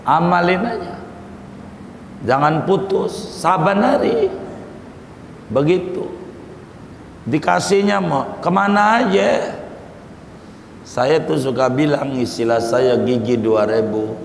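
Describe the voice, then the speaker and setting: A man's voice: fairly high pitch, animated, takes it slowly, gravelly, pauses often. A male preacher giving a folksy sermon, repeating his points and addressing the listeners as brothers. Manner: folksy, repetitive, calls listeners "saudara". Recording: echoey hall with faint noise.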